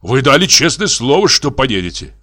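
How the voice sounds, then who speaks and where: A man voicing an offended older brother who scolds firmly and a bit higher than his narration. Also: big pitch swings, moderate pace, sharp tone. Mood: insistent. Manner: scolding, firm.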